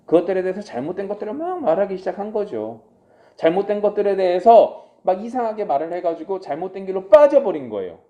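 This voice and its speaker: Lively-pitched male pastor preaching. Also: lo-fi sound. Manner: swings from loud acted inner voices to soft low asides; asks the congregation questions and answers them himself. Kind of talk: sermon.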